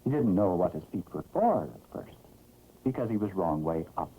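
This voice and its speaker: A narrator telling a children's story in an expressive, theatrical vintage 1960s cartoon style. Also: low voice, moderate pace, husky. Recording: old tinny, noisy cartoon soundtrack.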